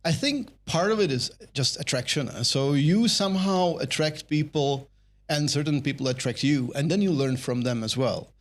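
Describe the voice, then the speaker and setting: On the high side and moderately paced, the voice belongs to a middle-aged Czech brand marketer with a Czech accent. As a podcast guest in a casual conversation about his career, he's reflective and meandering, frequently starting over.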